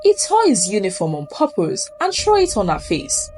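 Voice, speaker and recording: A Nigerian woman tells a spooky folktale in a suspenseful, theatrical style, her mid-range, darkish voice swinging dramatically in pitch at a moderate pace. Background music plays beneath her narration.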